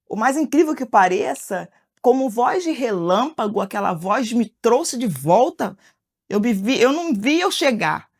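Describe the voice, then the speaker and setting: A woman from Brazil giving an emotional, halting personal testimony for a documentary. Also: on the high side. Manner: emotional, halting, reenacting what was said. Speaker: documentary interviewee.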